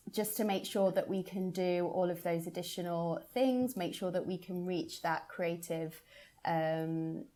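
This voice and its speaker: A woman with a lowish voice, working as a theatre producer, hosts a conversation. She talks to listeners in a relaxed promotional chat, softly hedging what she says.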